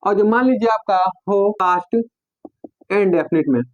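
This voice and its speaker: A man teaching English grammar in Hindi. He talks slowly, dictates example sentences word by word, and spells out letters. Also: sits high, lo-fi sound. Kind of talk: classroom lesson.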